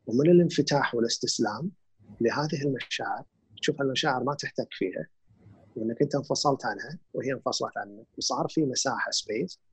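A man with a Gulf Arabic accent calmly explains emotions and grief, mixing in English words. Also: mid-range voice, fast, breathy edge, dry recording. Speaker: guest speaker on grief and emotions. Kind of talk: reflective conversational explanation.

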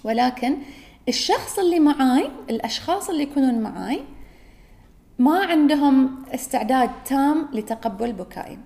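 Fast-talking Gulf Arabic woman. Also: high-pitched, animated, gravelly, mellow. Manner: earnest, musing, self-correcting. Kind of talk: reflective solo talk.

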